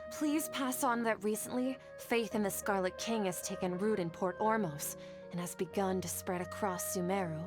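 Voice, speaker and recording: An actress playing a kind, anxious young woman scholar in a video game, speaking gently and with concern. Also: medium pitch, normal speed, over music, natural voice.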